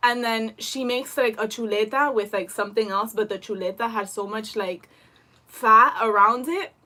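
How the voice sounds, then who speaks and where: A woman's voice: a little high, moderate pace, pushed and bright. A young woman co-hosting a live lunch stream, chatting casually while she eats and filling her talk with "like" and "literally". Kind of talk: casual chat while eating. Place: at home over lunch.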